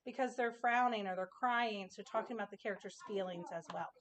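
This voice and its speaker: A woman's voice: mid-range voice, a little fast, fairly bright tone. A woman teacher giving an informal instructional presentation to parents, explaining with example questions.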